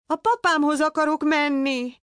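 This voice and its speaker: A woman voicing an eager, stubborn little boy clownfish in a storybook reading, with a squeaky high voice. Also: fairly bright tone, dry recording, clean studio sound. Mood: desperate.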